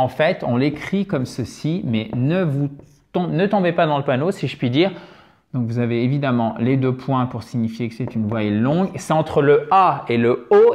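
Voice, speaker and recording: Slow, careful teacher man. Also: on the high side. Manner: explains slowly, repeats English words with careful stress. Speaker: English teacher. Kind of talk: video lesson.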